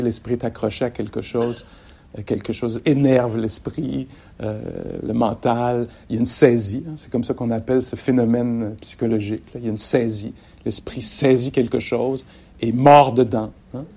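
Husky-voiced Québécois meditation teacher. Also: male voice, medium pitch. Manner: warm-humored, laughs often, loses and finds his thread. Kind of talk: dharma talk to a live audience.

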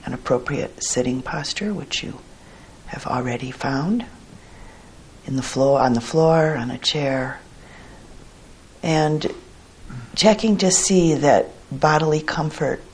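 Here a woman offers a guided meditation, speaking softly and deliberately in short phrases punctuated by pauses, her voice low and husky.

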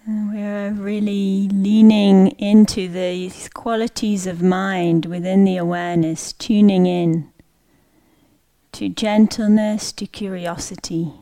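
Gently guiding a meditation, this woman teacher speaks slowly and mellowly at a medium pitch, keeping her tone level. Her short phrases come unhurried, separated by long pauses.

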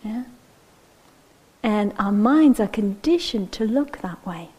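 A woman meditation teacher giving a gentle, unhurried dharma talk, often checking in with "yeah?" and sometimes dropping to a near-whisper. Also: mid-range voice, lively intonation, slightly rough, rough recording.

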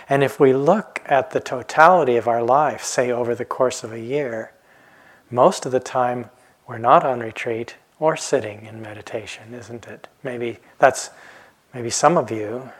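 A man in his late fifties giving a calm, reflective dharma talk as a meditation teacher, pausing often and letting phrases trail off softly. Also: medium pitch, slightly rough. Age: 50s. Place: retreat center hall.

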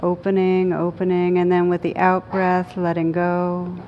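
The clip captures a woman teaching guided meditation during a live group session indoors. She stays slow and calm, soothing her listeners and pausing at length, while the lo-fi sound is dull and rumbly.

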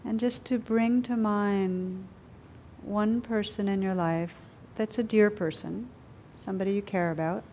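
A woman speaking as a meditation teacher, in a gentle, unhurried way with frequent pauses, as in a reflective talk or guided practice. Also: fairly even intonation, highs cut off. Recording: clear low rumbling background noise.

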